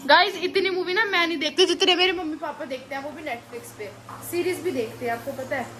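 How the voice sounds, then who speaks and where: Her voice is high and brisk as this young adult vlogger, nursing a sore throat, narrates casually to her viewers at home in the kitchen and up on the roof. She chats in a mix of Hindi and English and keeps calling everyone "guys," while crowd noise and a roomy, low-quality recording sit behind her.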